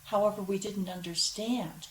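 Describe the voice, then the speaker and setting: A woman co-presenting a guided imagery program, speaking in a measured, earnest way. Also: medium pitch, fairly even intonation. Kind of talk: calm measured explanation. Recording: roomy with faint background noise.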